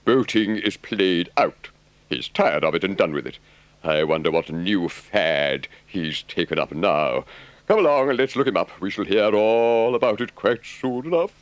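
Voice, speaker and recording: A man voicing a good-natured, worldly river rat in an audiobook, with a deliberate, emphatic gentlemanly drawl. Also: low-pitched, expressive, no echo. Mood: wry. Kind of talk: audiobook character voice.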